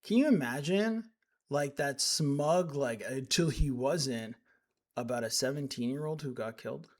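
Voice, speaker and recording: A man's voice: a little high, normal speed. A man giving live stream commentary as he reacts to clips, indignant and sarcastic, rambling with frequent restarts.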